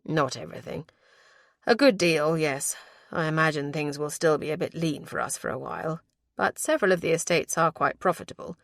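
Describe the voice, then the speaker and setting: A woman's voice: brisk, no room sound, clean studio sound. A woman doing a doting, wry young lord. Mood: tender. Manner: low, murmuring, wry.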